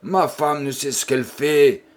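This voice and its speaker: A man reading an audiobook, voicing a furious, domineering husband who shouts down a priest. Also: medium pitch, measured pace, lightly acted. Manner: raging, shouting outbursts. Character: furious domineering husband refusing his dying wife a priest. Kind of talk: audiobook character voice.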